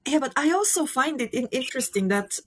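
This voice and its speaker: A woman's voice: sits high, animated, brisk, husky. A woman from Bulgaria with a Bulgarian accent, talking casually as a panelist in a group discussion. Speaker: podcast panelist.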